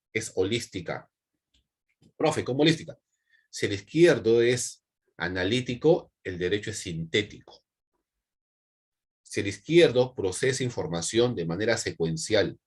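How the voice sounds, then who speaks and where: A man with a Peruvian accent teaching an online class, repeating key points and checking in with quick tags. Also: on the low side, breathy edge. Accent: Peruvian Spanish. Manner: repetitive, with frequent check-in tags.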